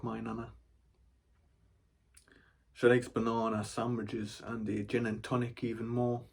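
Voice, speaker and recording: A man's voice: medium pitch, a little mellow, breathy edge. A man performing a monologue in a wry, dry storytelling manner. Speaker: actor. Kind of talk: theatrical monologue.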